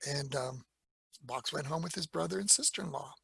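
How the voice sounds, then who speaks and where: A man giving a storytelling talk at a library, retelling events in an animated way and slipping into the voices of the people in his story. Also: on the high side, fairly quick, vocal fry, breathy edge, dry recording.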